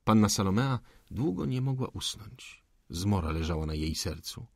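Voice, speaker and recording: A man reads an audiobook with lively, swinging intonation and expressive storytelling. His voice is low-pitched and husky. The recording is dry and close, with no room sound. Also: normal speed, no room sound. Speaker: audiobook narrator. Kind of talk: audiobook narration.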